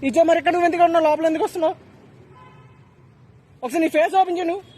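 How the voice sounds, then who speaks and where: A man's voice: extremely high pitch, steady tone, rapid-fire, mellow. A man on an outdoor street confronting someone, demanding answers and repeating his questions insistently, recorded on a handheld phone. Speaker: passerby confronting a street preacher.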